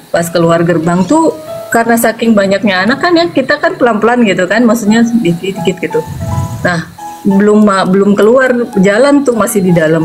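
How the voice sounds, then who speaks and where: A woman in her forties, a mother, telling a story in a casual interview, acting out the quoted lines and laughing often. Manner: animated, acts out quoted lines with sharp pitch jumps, laughs often.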